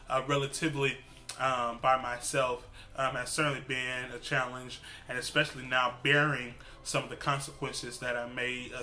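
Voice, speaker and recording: A man in his twenties, a student advocate, speaking in an earnest, measured way in a testimonial interview. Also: medium pitch, bright, forceful tone.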